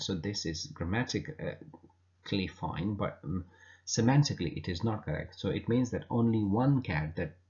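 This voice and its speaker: Male grammar teacher, very low voice, patient and repetitive delivery, dull lo-fi sound. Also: a little mellow. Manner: patient, repeats himself with fillers. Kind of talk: explanatory lesson. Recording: dull lo-fi recording.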